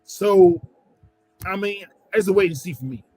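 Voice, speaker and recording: A man's voice: high voice, a little slow, a little mellow, dry recording, poor audio. A man on a live sports fan show, giving blunt opinions and stumbling over his words.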